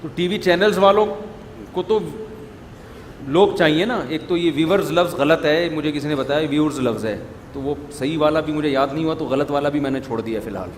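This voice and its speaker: A middle-aged man giving an informal religious talk to an audience, conversational and scolding, with many rhetorical questions. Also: fairly high pitch. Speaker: religious scholar, preacher. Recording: long reverb, faint room noise.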